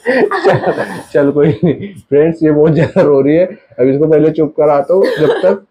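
A man's voice: fairly high pitch, big pitch swings, normal speed, muffled recording, slight background noise. A young man in a casual home vlog, teasing and chuckling as he talks to his viewers. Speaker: vlogger, husband doing a prank.

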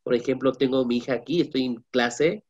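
A man, a parent and guest, speaking in a measured, reflective way and often ending with a tag question. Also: mid-range voice, a little mellow, lo-fi sound. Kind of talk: casual panel chat.

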